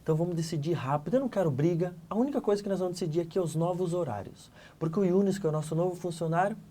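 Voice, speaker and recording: Quick, animated man telling his story. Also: high voice. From Santa Catarina, Brazil. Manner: lively storyteller, acts out dialogue, swings between loud and hushed. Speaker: interview guest. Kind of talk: animated personal testimony.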